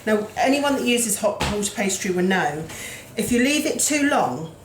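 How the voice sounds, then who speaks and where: A woman's voice: medium pitch, very animated, normal speed, roomy sound, background noise. A woman hosting a casual home cooking show, chatty and self-deprecating, talking as she works in her kitchen.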